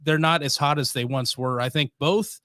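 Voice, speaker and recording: A man's voice: a little high, a bit bright, no room sound. Easygoing man on a dry podcast mic. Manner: easygoing, halting with fillers and restarts. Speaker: podcast co-host. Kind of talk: casual chat.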